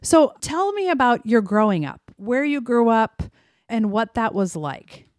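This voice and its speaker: A woman's voice: on the high side, sing-song, a little slow, no echo. Conversational woman podcast host. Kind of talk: podcast interview.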